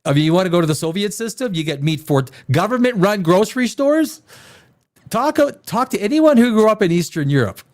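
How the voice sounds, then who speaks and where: This live show host is a man in his fifties who was born in Czechoslovakia and grew up somewhere else. While going through the chat, he talks in a high, sing-song voice at a slightly fast clip. His delivery is rambling and opinionated, full of false starts.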